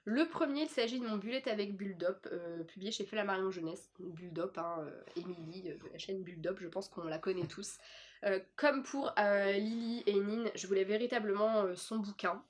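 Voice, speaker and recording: A woman's voice: medium pitch, normal speed. A young woman with a French accent chatting casually about her new books, with plenty of fillers and restarts. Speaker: book vlogger. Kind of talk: casual chat.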